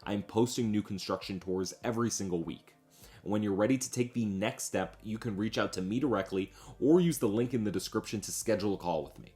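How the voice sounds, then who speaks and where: A man's voice: on the low side, brisk, a little mellow, faint music behind. A man narrating a scripted promotional home tour as host, in an upbeat, polished travel-show manner. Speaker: real estate agent and home tour host.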